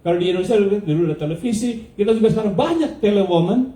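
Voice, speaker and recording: A male pastor from the United States preaches a sermon at a racing pace, his voice high but dark in tone. He poses questions to his congregation, laughs often, and slips English words into his speech, with the room echoing noticeably.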